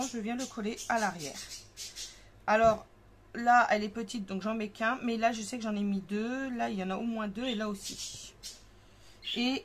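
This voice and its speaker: A woman casually demonstrating a craft at home, thinking aloud with lots of fillers. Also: fairly high pitch. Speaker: craft tutorial host. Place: home craft table with parakeets and kids nearby. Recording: noticeable home background noise with bird chirps.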